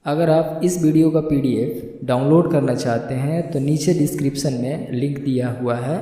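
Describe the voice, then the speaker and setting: A man explaining grammar slowly and patiently, repeating words and checking that learners follow. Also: mid-range voice, dark tone. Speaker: English teacher. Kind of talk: slow classroom explanation. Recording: very echoey room with long reverb.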